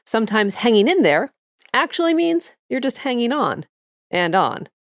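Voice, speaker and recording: A woman's voice: fairly high pitch, very animated, normal speed, no echo, clean studio sound. A woman hosting an advice show, reading scripted practical tips in a conversational, explanatory manner. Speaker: podcast host giving psychology advice.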